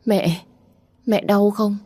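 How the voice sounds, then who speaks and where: A woman's voice: mid-range voice, fairly even intonation, very slow, warm tone, no room sound, studio quality, pitched above the performer's own voice. A woman voicing a distressed young daughter who speaks in a pleading, anxious way, raising her voice slightly, in a storybook reading.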